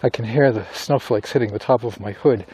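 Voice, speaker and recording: A middle-aged man talking casually to himself in an unhurried, musing monologue, pausing as he walks outdoors. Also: medium pitch, warm tone, low-quality recording. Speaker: writer recording an audio journal. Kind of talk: casual solo monologue while walking outdoors. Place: outdoors in falling snow, on a walk. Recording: outdoor ambient noise while walking.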